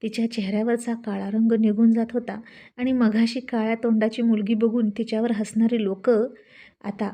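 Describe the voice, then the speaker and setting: A woman's voice: fairly high pitch, flat delivery, normal speed, mellow. A woman narrating a serialized story in a plain, conversational way.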